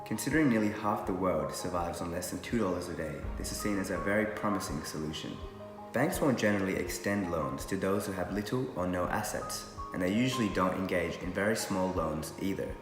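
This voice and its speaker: A man with a very deep voice reads an explanatory voice-over in a measured way. The sound has a big, long reverb, and music plays clearly under it. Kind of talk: scripted voice-over.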